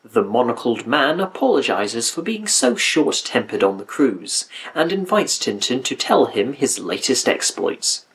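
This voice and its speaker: A man's voice: mid-range voice, big pitch swings, a little slow, few pauses, fairly bright tone. A man reading scripted review narration with dry, critical asides. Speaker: video essay narrator.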